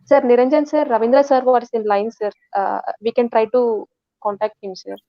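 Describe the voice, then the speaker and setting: A woman's voice: a little high, fairly even intonation, moderate pace, no echo. Polite Indian woman on dull audio. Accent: Indian English. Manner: polite, keeps saying "sir". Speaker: session coordinator. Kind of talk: live call coordination.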